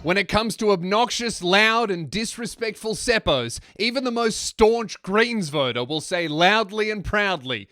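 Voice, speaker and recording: A man's voice: high-pitched, lively intonation, measured pace, hardly any pauses, bright, forceful tone, dry recording, studio quality, soft background music. An Australian man hosting satirical comedy commentary, brash and sweary, mocking as he talks.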